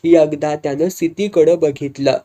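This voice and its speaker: A man's voice: a little high, steady tone, a little slow, warm tone. A man narrating a rural folk story in an earthy, vivid way.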